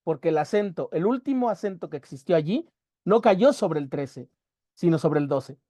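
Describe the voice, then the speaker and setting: A poetry workshop teacher, giving a methodical lecture and slowly spelling out syllables with emphasis. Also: mid-range voice, expressive, warm tone, no room sound. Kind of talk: explanatory lecture.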